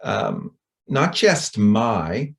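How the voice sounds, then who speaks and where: A man's voice: on the low side, sing-song, extremely slow, gravelly. A middle-aged man giving a chatty, rambling talk to a conference over a video call, with a self-deprecating manner. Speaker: conference speaker.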